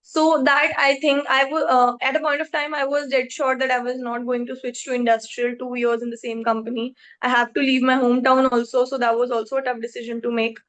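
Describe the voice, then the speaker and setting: A woman in her twenties from Jaipur, India, is a podcast guest and accountancy trainee answering questions about her career, articulate and self-assured, with an Indian accent. Her voice is high and a bit bright, her delivery flat, and she talks fairly quickly with few pauses.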